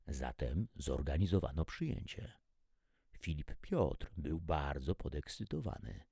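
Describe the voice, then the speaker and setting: Deep, gravelly male storyteller. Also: measured pace, no echo, studio quality. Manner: expressive, animated storytelling. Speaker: narrator. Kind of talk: audiobook story reading.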